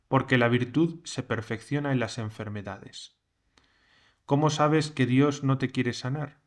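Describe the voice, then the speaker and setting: Man reading an old sermon aloud. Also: medium pitch. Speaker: reader of a recorded sermon text.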